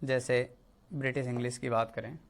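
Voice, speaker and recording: A man's voice: mid-range voice, steady tone, fairly quick, creaky. Male teacher, patient explainer who repeats key words and keeps checking in. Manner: explains step by step, repeats words, says "ठीक है" often. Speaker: English teacher. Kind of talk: spoken Hindi classroom lesson.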